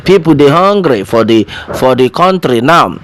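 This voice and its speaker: A man's voice: medium pitch, animated, normal speed. A man with a Nigerian accent speaking Nigerian Pidgin, giving informal commentary in an emphatic, pleading way full of rhetorical questions. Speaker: online news commentator. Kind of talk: informal spoken commentary, direct appeal.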